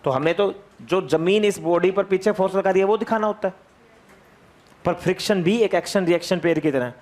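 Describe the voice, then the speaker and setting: A man's voice: high-pitched, fairly quick, a little mellow, a little hiss or hum. A man teaching physics to a class. He repeats key phrases, keeps asking his students questions and calls on them by name. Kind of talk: energetic classroom lecture.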